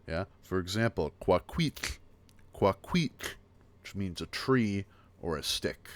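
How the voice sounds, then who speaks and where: An American man giving a casual livestream language lesson, repeating each example word slowly and chatting between them. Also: sits low. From United States. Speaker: streamer teaching a language. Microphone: streaming mic.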